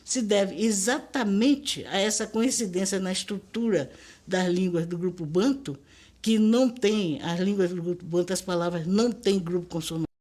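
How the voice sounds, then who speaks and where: A woman's voice: medium pitch, moderate pace, a little mellow. An older woman from Brazil with a Brazilian Portuguese accent, speaking as a linguist in a documentary interview, emphatic and didactic. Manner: emphatic, didactic, spells out pronunciations.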